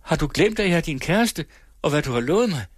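A man's voice: lively intonation, breathy edge, no echo, clean studio sound. A man voicing a desperate young village woman who pleads and then rages at her sweetheart. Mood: fierce. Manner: pleading, then fierce and high.

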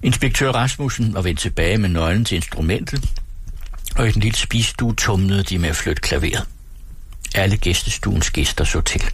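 Deep husky male audiobook narrator. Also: fairly bright tone. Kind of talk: reading a classic novel aloud.

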